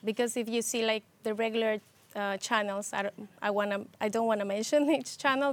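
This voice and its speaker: A woman from Ecuador, a TV producer being interviewed, talking hesitantly with restarts and soft laughs. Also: mid-range voice. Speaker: interview guest, TV producer and host. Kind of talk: casual interview conversation.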